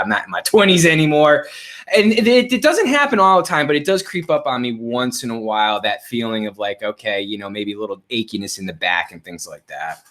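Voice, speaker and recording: A man's voice: lowish voice, fairly bright tone. A man in his late thirties co-hosting a live online chat show over a video call, easygoing and full of "you know" and "like". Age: 30s. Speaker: co-host. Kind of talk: casual chat, reminiscing.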